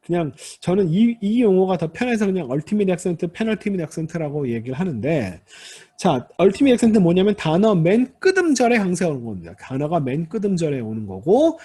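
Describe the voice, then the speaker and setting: A man with a warm, slightly husky voice delivers a recorded Hebrew lecture. He explains step by step and addresses his students politely. His pitch moves in a lively way as he sounds out example words. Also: fairly quick. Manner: demonstrates Hebrew word stress aloud. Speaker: Hebrew instructor.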